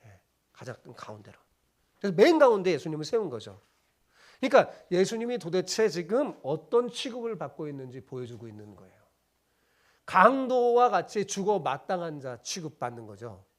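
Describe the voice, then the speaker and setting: A middle-aged man preaching from the pulpit of a church sanctuary, his voice pitched high for a man. His delivery rises and falls widely as he reads scripture together with the congregation. He slips into blunt, casual speech to act out the people he describes. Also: big pitch swings, normal speed. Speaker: pastor. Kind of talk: sermon.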